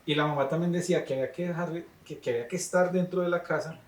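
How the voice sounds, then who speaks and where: A man's voice: a little high, fairly even intonation, quick pace, far from the mic. A man, a teacher interviewing a guest in a thoughtful, rambling way. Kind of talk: conversational interview questions. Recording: roomy, off-mic sound.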